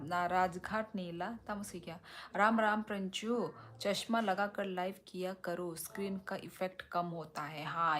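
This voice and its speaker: Slow, unhurried woman chatting on a live stream. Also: fairly low pitch, fairly bright tone. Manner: unhurried, teasing, reads comments aloud and answers. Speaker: live streamer reading viewer comments. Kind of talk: casual live-stream chat.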